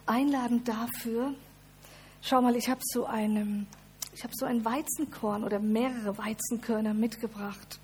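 A woman's voice: a little high, fairly even intonation, a little slow, a little mellow, a little hiss or hum. A woman preaching a sermon at a church service, speaking emphatically and addressing her listeners directly.

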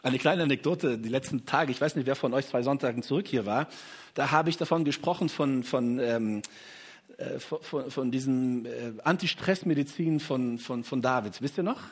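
A man's voice: mid-range voice, normal speed, husky. A man preaching a sermon to a congregation, stressing the verses he quotes, with many restarts and asking the room "right?". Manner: addresses congregation with "hey", "oder?", "ja?".

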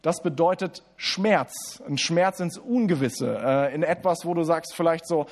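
A man preaching a sermon in German. He speaks straight to the listeners, stumbles and restarts often, and switches between quick asides and slow, stressed lines. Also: fairly high pitch. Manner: addresses listeners directly as du, with many restarts and fillers.

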